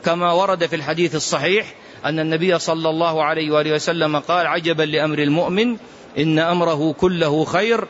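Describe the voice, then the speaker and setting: A man's voice: on the high side, a bit bright, muffled recording. A man giving a religious teaching commentary who speaks with impassioned emphasis and sometimes chants his recitations. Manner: impassioned, emphatic warnings addressed to the listener. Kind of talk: classroom commentary on prophetic tradition.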